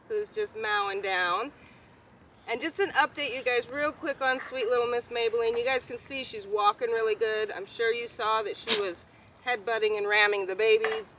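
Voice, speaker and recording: A woman's voice: on the high side, pushed and bright, rough recording. A woman vlogging casually as a goat farmer, chatty and affectionate when she talks to her animals. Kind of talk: casual vlog narration. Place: outdoors in a goat pasture. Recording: outdoor noise with bleating goats. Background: goats bleating, faint outdoor ambience.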